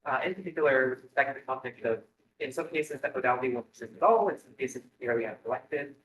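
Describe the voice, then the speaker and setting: A man in the audience asking a halting question. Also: medium pitch, expressive, a bit bright. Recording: distant, roomy audience pickup.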